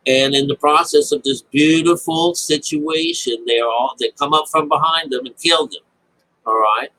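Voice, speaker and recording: An amateur teacher gives an informal Bible commentary, rambling and halting, repeating phrases, with folksy, colloquial wording and the occasional mild swear word. His voice is on the high side with a sharp tone. The recording quality is low.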